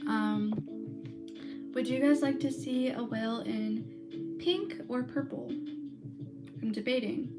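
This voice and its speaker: Young woman crafter, casual and slow-talking, full of fillers, slightly high voice, over loud music. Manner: chatty and relaxed, with many "like" and "um" fillers. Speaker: crochet vlogger. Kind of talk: casual chat, reading live comments. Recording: loud background music under the voice.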